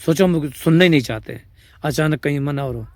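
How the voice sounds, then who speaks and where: A spiritual teacher with a Braj-region Hindi accent gives an informal discourse in a fairly high, brisk male voice with no room sound. He explains patiently, goes over his points again, and keeps checking that listeners are following by asking "samajh rahe hain?".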